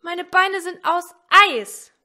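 A woman voicing a frightened little girl who whines and pleads in a high voice. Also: takes it slowly, pushed and bright, exaggerated voice. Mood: whining. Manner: high whimpering pleas. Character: small girl stuck, whining and scared.

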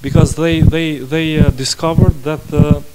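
A man with a slightly high voice, speaking English as a with as his first tongue, pausing and restarting often as he answers questions on a panel. The sound comes through a handheld mic in a small conference room, with steady noise underneath. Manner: halting, many restarts and fillers. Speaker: parliament president, panel guest.

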